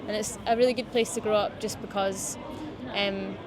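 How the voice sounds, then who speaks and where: A woman's voice: mid-range voice, normal speed. A woman in her twenties with a Scottish accent, chatting casually about her music in an interview, rambling with lots of fillers. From Scottish Highlands. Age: 20s. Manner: relaxed, rambling with many fillers. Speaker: musician guest. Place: outdoors by a city riverbank. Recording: outdoor crowd noise behind.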